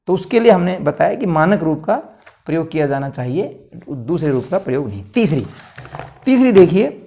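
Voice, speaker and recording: A man teaching a lesson, putting questions to the class and answering them himself, slowing down to spell out each letter. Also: on the high side, dark tone. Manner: emphatic, asks and answers his own questions, slows to spell out letters. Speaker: Hindi teacher. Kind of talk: explanatory lecture.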